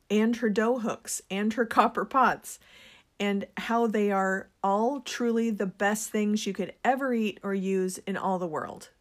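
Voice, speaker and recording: A woman speaking slowly and with care, in an unhurried, earnest tone. She runs a small business and talks openly about sharing what she makes. Her pitch sits in a middle range. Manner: slow, gentle and earnest; introverted. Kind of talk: reflective personal talk.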